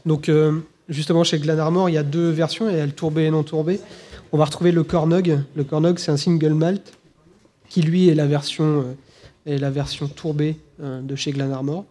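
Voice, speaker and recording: This is a man talking casually on a live podcast. His pitch sits a little high, and his tone is dark and mellow. He hesitates a lot, restarting sentences and filling gaps with "euh". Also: level tone, moderate pace. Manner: hesitant, many fillers and restarts. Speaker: podcast co-host presenting whiskies. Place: live event recording.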